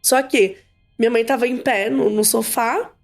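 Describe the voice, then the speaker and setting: A woman's voice: on the high side, normal speed, vocal fry, soft background music. A Brazilian woman hosting a podcast, chatting casually and telling stories with acted-out quotes. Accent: Brazilian Portuguese. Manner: animated storyteller, acts out quotes. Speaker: podcast host. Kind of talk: casual chat.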